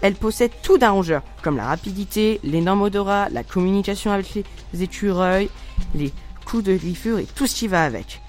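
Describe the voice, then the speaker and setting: A man's voice: high-pitched, expressive, brisk, soft background music. A teenage boy presenting a superhero column on a school radio show, hesitant, with mock-serious asides. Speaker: student columnist.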